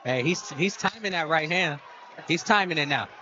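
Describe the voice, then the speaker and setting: A man doing casual live boxing commentary, excitable and streetwise, repeating phrases and tossing in coaching tips. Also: fairly high pitch, moderate pace. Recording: muffled mic amid noisy fight crowd. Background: fight crowd.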